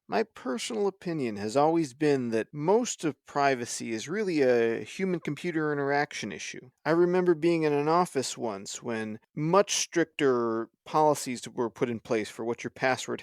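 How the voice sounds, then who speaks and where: A man's voice: mid-range voice, vocal fry, no room sound, clean studio sound. An American man hosting a podcast, talking informally and thinking aloud with asides. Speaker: podcast host. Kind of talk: conversational podcast interview.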